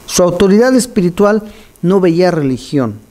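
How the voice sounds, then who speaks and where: A man preaching an animated, teaching sermon to his congregation. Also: high-pitched, moderate pace. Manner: animated, teaching, scolds listeners for distracting him. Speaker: pastor.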